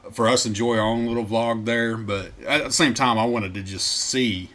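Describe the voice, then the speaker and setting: A man's voice: mid-range voice, steady tone, moderate pace, fairly bright tone. A man co-hosting a podcast, laid-back and chatty, drifting off into side tangents. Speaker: podcast co-host. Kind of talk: casual chat.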